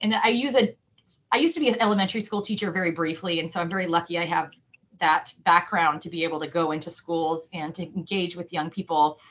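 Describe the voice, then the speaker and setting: A woman's voice: on the low side, fairly even intonation, fast talker, fairly bright tone, highs cut off. A woman who works as a humane educator, talking casually in an interview, chatty with lots of fillers and restarts. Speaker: humane educator at an animal shelter.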